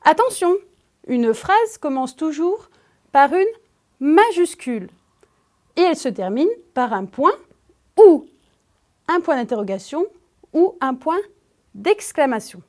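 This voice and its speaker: A French woman gives a grammar lesson to a child, talking straight to the pupil. Her voice sits high and moves a great deal, and she speaks slowly. She leans hard on the important words. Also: sing-song, a little mellow. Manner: slow, emphatic, addresses the pupil directly. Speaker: teacher.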